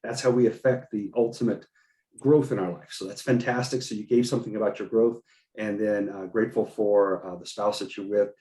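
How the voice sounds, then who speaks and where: A man's voice: fairly low pitch, fairly even intonation, fairly quick, dark tone, roomy sound. Upbeat man hosting a video call. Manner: encouraging, upbeat, repeats words. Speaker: host of a group video call. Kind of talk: motivational coaching talk.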